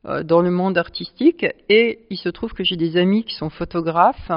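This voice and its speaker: A woman who presides over a charity club, answering interview questions at length and pausing often to find her words. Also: lowish voice, no room sound. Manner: explanatory, speaks at length with frequent hesitations. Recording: dull lo-fi sound.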